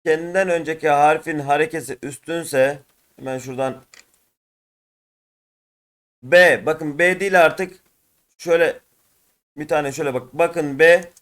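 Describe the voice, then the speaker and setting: A man who speaks Turkish natively, teaching an Arabic lesson and drilling letter sounds in loud repeated pairs. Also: fairly high pitch, fairly even intonation, unhurried, pauses often. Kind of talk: classroom lesson.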